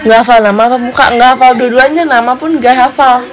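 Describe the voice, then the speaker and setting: A woman's voice: fairly high pitch, steady tone, fast. A young woman chatting casually with viewers on a phone livestream from her bedroom, giggly and talkative. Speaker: live streamer. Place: bedroom at home. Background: music.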